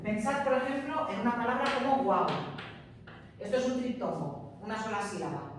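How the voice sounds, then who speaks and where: A woman from Spain with a fairly high voice teaches a grammar lesson at a moderate pace, patient and emphatic and often checking in with her students. She speaks with a Spain Spanish accent, recorded from far off in an echoey hall with background noise.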